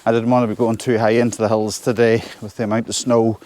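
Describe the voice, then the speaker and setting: A man's voice: lowish voice, flat delivery, fast talker, darkish tone, no room sound. A man with a Northern Irish accent chatting casually to viewers as he trudges through snow outdoors on a solo hike. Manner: talking while trudging through snow on foot. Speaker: solo hiker vlogging. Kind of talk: casual walking vlog. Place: outdoors on a snowy hill forest track.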